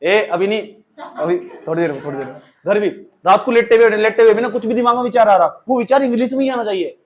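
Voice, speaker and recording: A man's voice: high-pitched, fast talker, a little hiss or hum. A man with an Indian accent giving a classroom English lecture, switching between Hindi and English and acting out sample sentences. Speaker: English teacher.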